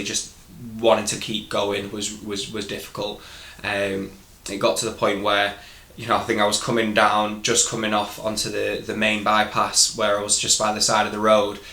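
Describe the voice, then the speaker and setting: Man, Northern English accent, slightly low pitch, fairly even intonation, hesitant conversational vlogger, roomy echo. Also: moderate pace. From northern England. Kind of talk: casual recounting to camera.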